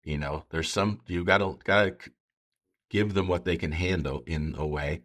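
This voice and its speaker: Deep voiced guy, pastor type, chatting on a podcast, earnest and kinda halting. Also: fairly even intonation, a bit bright. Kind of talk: conversational podcast talk with storytelling.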